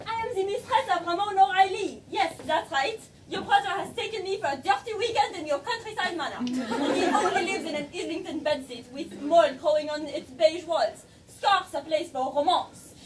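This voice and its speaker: A woman's voice: very high-pitched, normal speed, a crowd in the background. A woman playing a brazen young mistress, in a distant stage recording with background noise.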